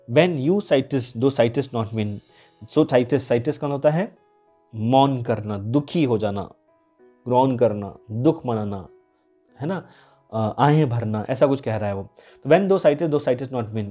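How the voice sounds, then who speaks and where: Man, poetry teacher, slow drawn-out verse reading, repeats key words, faint background music. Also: mid-range voice, mellow. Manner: explains slowly, reads verse lines drawn out, repeats key terms. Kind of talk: poem explanation lesson.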